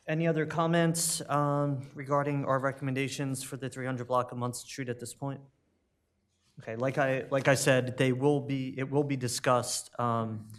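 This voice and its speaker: A man's voice: mid-range voice, clear, resonant tone. A man chairing a city committee meeting, politely moving through the agenda with frequent ums. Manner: polite, procedural, with frequent fillers.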